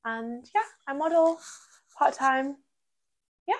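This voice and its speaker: A woman's voice: high voice, slow pace. A woman of twenty-two with a Durham accent from North East England, chatting casually as a podcast guest and peppering her talk with "like". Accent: Durham, North East English. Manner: chatty, uses "like" constantly. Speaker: podcast guest, part-time model. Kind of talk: casual chat interview.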